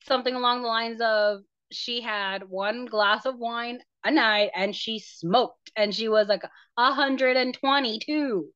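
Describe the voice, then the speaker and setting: A woman's voice: a little high, steady tone, a little slow, hardly any pauses, a bit bright, clean tone, no room sound, highs cut off. A woman co-hosting a podcast in casual chat, sick and coughing, joking around. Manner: chatty, joking. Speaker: podcast co-host.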